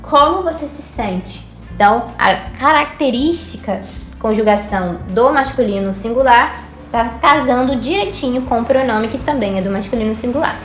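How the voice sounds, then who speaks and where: A woman teaching an online language lesson, patient and explanatory, slowly repeating each word for her students. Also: fairly high pitch, expressive, soft background music. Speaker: Hebrew teacher.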